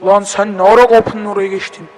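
Young male gameplay host, Turkish accent, high-pitched, joking and cursing, reverb-heavy recording. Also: flat delivery, fairly quick. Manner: swearing, joking, bursts of panicked shouting. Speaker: gaming video host. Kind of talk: horror game let's play commentary.

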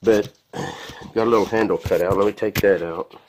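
A home mechanic stands on the concrete floor of his garage, casually reviewing a tool and rambling in a folksy way with lots of fillers. His voice is on the low side, steady, brisk and a little mellow, caught on a handheld phone with slight background noise.

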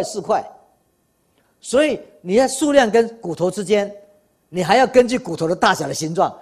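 An older man giving a public science lecture, telling anecdotes with animated quoted dialogue and laughter. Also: fairly high pitch, breathy edge. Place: lecture hall.

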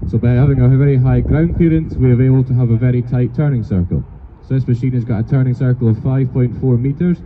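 A man's voice: medium pitch, fast talker, hardly any pauses. Male trade show presenter, formal and explanatory, thin narrow sound with faint outdoor noise. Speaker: machinery company presenter. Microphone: handheld microphone through speaker, filmed from afar.

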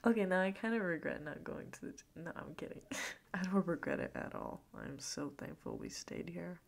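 A young woman playing a cuddly, playful girlfriend who just woke up, in a whispered role-play with a slow, sleepy, breathy morning voice. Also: fairly low pitch, wildly swooping pitch, full character voice. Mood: sleepy, teasing. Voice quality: breathy half-whisper with creaky fry.

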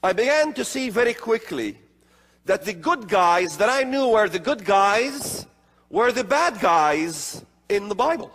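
A middle-aged man from the Middle East giving a slow, emphatic lecture at a prophecy conference in a large hall with an audience. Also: high voice, very animated, a bit bright. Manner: slow emphatic delivery with gestures. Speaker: conference speaker. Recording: long hall reverb.

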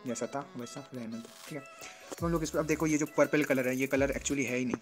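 A man walks through photo edits in a quick, casual tutorial, talking fast in a flat, even tone. He keeps checking in with the listener as he goes, with soft music playing underneath. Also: mid-range voice. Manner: explains step by step, often checks in with "theek hai na". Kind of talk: casual screen-recorded tutorial.

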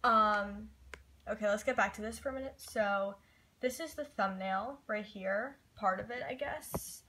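With a medium-pitched, sharp voice at a measured pace, a young woman records a laid-back tutorial vlog from her bed using her phone camera. She rambles chattily, filling gaps with "like" and "um," and the clip sounds phone-recorded.

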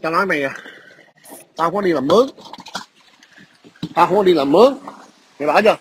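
A man's voice: fairly high pitch, brisk, a little hiss or hum. A man, ranting aggressively and profanely into a phone camera at his workplace. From Vietnam. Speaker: vlogger. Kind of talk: angry ranting video message.

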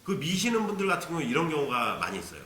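Man teaching a lesson in a lively, bright voice. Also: on the high side, racing, reverberant. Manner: patient, demonstrating tonguing syllables aloud. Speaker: ocarina teacher. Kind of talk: instructional video lesson.

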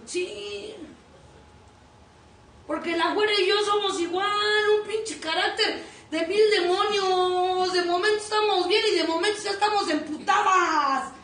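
A woman with a Mexican accent giving a blunt, profane testimony as a recovery group sponsor, often breaking into shouts. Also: extremely high pitch, steady tone, measured pace. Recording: echoey room, distant mic, faint noise.

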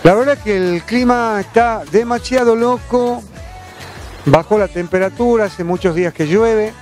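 Argentine man hosting sports show, high voice, faint music behind, handheld mic in a park. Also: unhurried, a little mellow. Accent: Argentine Spanish. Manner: chatty, direct address to viewers. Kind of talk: outdoor presenting to camera. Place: outdoor park with trees. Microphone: handheld microphone.

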